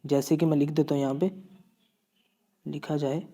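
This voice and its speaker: A man from Pakistan, speaking with a Pakistani Urdu accent, teaches Korean vocabulary classroom-style at normal speed. His voice is on the high side and mellow, with a flat delivery, and he patiently repeats each word while checking in often.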